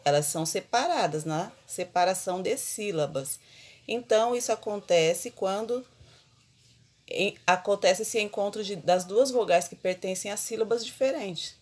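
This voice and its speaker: A woman teacher giving an online grammar lesson, explaining slowly and putting questions to the class. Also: mid-range voice, darkish tone.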